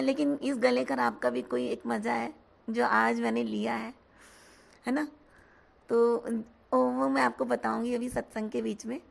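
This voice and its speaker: A hoarse woman giving an earnest devotional testimony, often addressing her listeners directly. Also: on the high side. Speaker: devotee sharing a satsang.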